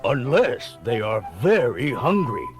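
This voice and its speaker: An actor playing a kindly, flustered old Santa Claus, hesitant and cautioning, in a children's cartoon audio drama. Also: male voice, mid-range voice, very animated, slow pace, music in the background. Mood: cautious. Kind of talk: 1970s children's record cartoon acting.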